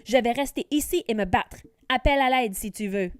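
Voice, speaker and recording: A woman's voice: a little high, brisk, clear, resonant tone, natural voice. A woman voicing a bold girl dragon rider. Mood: determined. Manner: determined, commanding.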